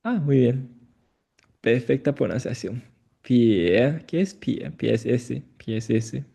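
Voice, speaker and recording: Slow, gravelly-voiced male Chinese tutor. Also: medium pitch. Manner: slow, repeats phrases, gentle corrections. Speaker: Chinese teacher. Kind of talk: patient one-on-one language lesson.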